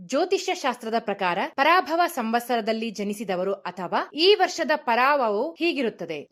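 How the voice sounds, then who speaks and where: A woman narrating a scripted explainer in a measured, formal way, letting her phrases fall away at the ends. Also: a little high. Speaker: video host.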